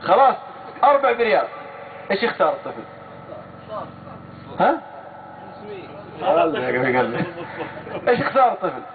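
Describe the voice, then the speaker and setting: High, fast Saudi Gulf preacher, tinny recording. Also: male voice, very animated. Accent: Saudi Gulf Arabic. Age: adult with a young daughter. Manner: emphatic, swears oaths often, addresses the crowd directly. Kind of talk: sermon with storytelling. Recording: tinny lo-fi phone-like recording with faint hiss.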